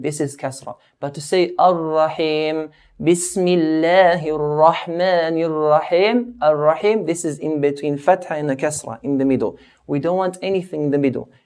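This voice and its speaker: A man's voice: fairly high pitch, mellow. Patient man teaching Quran recitation. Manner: patient, repeats and slowly demonstrates each sound. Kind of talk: recorded tajweed lesson.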